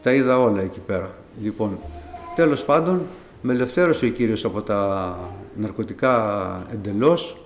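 The voice is a middle-aged man's, pitched on the low side, with a little hiss or hum on the recording. As a church member, he gives his faith testimony to the congregation in a conversational story, acting out remembered lines, in an echoey room.

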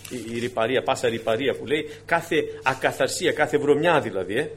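This sermon comes from a man with a mid-range voice. His delivery is animated and conversational, with abrupt emphatic bursts, and he frequently speaks to the congregation as his dear brothers.

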